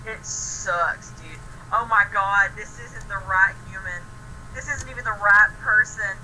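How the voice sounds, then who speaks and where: A young woman chatting with a friend over the phone, excitable and animated, swearing often as she tells stories. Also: mid-range voice, unhurried, a little hiss or hum, poor audio. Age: young adult. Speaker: friend on a call. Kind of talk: casual chat.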